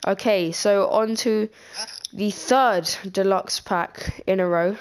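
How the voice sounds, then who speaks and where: Excitable woman opening game packs. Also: mid-range voice, takes it slowly, clear, resonant tone. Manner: excitable, easily scared. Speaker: gaming channel co-host. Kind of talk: casual pack-opening commentary.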